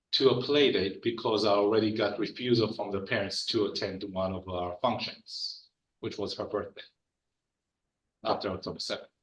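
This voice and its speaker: A man's voice: fairly low pitch, bright, forceful tone. A man in his forties from Israel, speaking on a panel in an earnest, personal way with frequent restarts. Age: 40s. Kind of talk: panel talk. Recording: echoey hall from far off.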